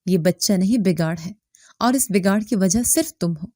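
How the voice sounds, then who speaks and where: A woman's voice: medium pitch, dark tone, no room sound, clean studio sound, natural voice. A woman voicing an angry, stern middle-aged father in a spoken story, reading his lines in a harsh, scolding manner. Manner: scolding, bitter.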